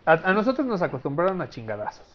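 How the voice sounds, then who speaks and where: A man's voice: a little high, sing-song, quick pace, muffled recording. A Mexican man joking in a casual podcast chat, slangy and playful. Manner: joking, slangy, mimics voices. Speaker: podcast co-host.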